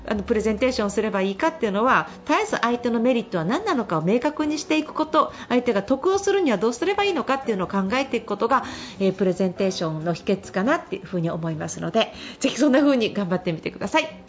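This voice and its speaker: High, lively middle-aged woman radio host. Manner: chatty, laughs often, animated storytelling. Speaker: radio host and business consultant. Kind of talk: casual radio advice talk. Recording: slightly dull radio broadcast.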